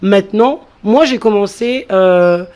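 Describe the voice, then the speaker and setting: In a mellow, mid-range voice and an unhurried pace, an entrepreneur who grew up in France speaks as a guest in an interview. Her explanations go step by step, with key phrases repeated for emphasis.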